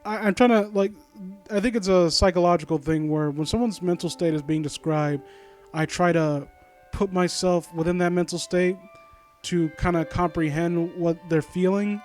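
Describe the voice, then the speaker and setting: This man hosts a story critique series, reading a story and commenting on it casually and bluntly, with frequent stammers, rephrasing and some swearing. His voice is high and darkish with fairly even intonation at a moderate pace. He uses a new handheld mic at an uneven distance, so his voice drifts soft, and music plays behind him.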